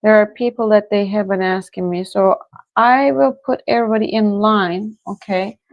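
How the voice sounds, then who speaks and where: The audio is dull but echo-free as a Turkish woman with a mid-range voice reads tarot live. She talks with viewers at an easy, slow pace, chatting and laughing softly.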